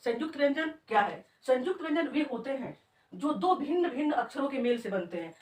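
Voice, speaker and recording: A woman's voice: high voice, animated, fairly quick, a little mellow. A woman teaching a grammar lesson, saying each sound aloud and asking and answering her own questions. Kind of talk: classroom-style grammar lesson. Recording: echoey room, voice from a distance.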